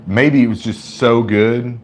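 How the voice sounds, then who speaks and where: A man's voice: mid-range voice, fairly even intonation, slow, a little hiss or hum. A man co-hosting a live stream in casual chat, joking and teasing in a dry way. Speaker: guest co-host on a live stream.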